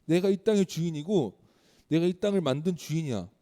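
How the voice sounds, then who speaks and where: A man's voice: on the high side, animated, fairly quick, mellow, in a large hall, natural voice. A man voicing a stern, commanding God. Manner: commanding, rhetorical questions.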